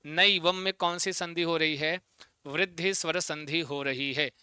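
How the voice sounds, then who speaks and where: Male Sanskrit tutor, fairly high bright voice, crisp and dry, constant "got it?" check-ins, spells out syllables slowly. Online exam-prep lesson. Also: steady tone, no echo. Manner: drills students with repeated questions and tag checks. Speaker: Sanskrit teacher.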